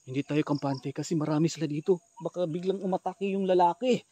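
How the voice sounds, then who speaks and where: A man hosting a ghost-hunting vlog, talking straight to his viewers and swinging from hushed, nervous asides to loud, alarmed shouting. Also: on the high side, a little fast, husky, no room sound. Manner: talks straight to viewers as "idol". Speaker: ghost hunter vlogger.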